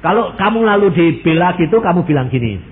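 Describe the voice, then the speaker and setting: Javanese-accented male pastor, fairly high voice, lively sermon, tinny phone-like recording. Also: fast talker, slight background noise. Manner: animated, mixes in Javanese, acts out quoted prayers.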